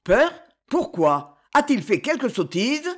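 A woman voicing a short, stern middle-aged father who scolds and threatens loudly. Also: a little high, big pitch swings, takes it slowly, voice pushed up, full character voice. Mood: angry scolding. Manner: gruff, scolding, loud.

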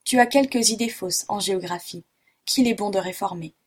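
A kindly nobleman addressing a child gently and in measured phrases, read by a woman. Husky, breathy tone, storybook style. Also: medium pitch, close to an everyday voice. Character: kindly, fatherly nobleman traveller.

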